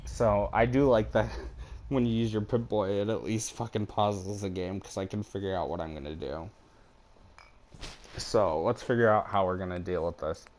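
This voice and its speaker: A man's voice: on the low side, normal speed, a little mellow, slight background noise. A man casually talking through a game as a let's play host, rambling and swearing offhandedly, with the hiccups. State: has the hiccups. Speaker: gaming channel host.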